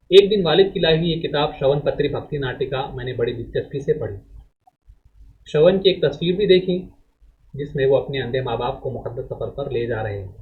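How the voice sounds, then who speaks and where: A male teacher reads a text aloud to students and explains it, speaking in a measured lecturing way. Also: medium pitch. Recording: phone-like narrow band audio.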